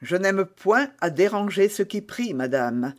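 A man reading an audiobook voices a stern, devout soldier guard who speaks gravely and solemnly. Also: high voice, animated, measured pace. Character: stern, pious young male soldier guard.

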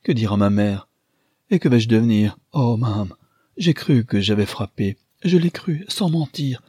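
A man with a husky voice voicing a timid young woman who pleads in tearful, breathless exclamations. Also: low voice, fairly even intonation, slow, a little mellow, no echo, clean studio sound, full character voice. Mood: desperate pleading.

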